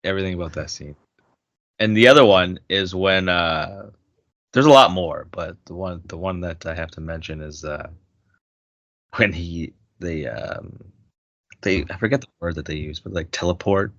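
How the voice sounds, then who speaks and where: A man's voice: deep voice, moderate pace, no echo, muffled recording. A man co-hosting a podcast, chatting casually and retelling movie scenes, laughing often and restarting his sentences. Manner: animated storyteller, laughs often, many restarts. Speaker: podcast co-host. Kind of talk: casual chat.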